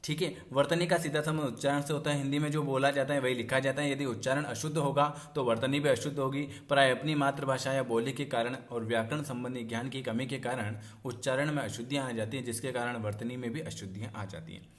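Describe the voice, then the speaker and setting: A man teaching an exam prep lesson, repeating words and spelling them out slowly. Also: mid-range voice, fairly even intonation.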